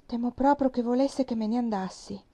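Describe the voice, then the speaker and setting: A woman voicing a cheerful, eager little girl in a storybook reading, talking in an excited, pleading way. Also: fairly high pitch, fairly quick, voice pushed up. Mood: wistful.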